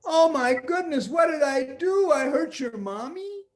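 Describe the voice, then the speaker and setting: A man acting young boy hero, high-pitched, excitable, tender-hearted, fretful and cooing, children's storytelling. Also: measured pace. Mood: cooing, worried. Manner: exclaiming, fretful, cooing at small animals.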